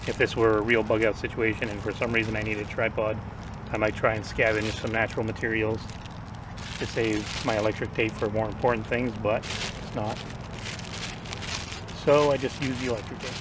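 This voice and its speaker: A vlogger rambles offhandedly through his survival gear to camera, his speech slightly impaired after having teeth pulled. His fairly low voice has little pitch movement at a moderate pace, picked up by a distant mic amid noisy outdoor ambience.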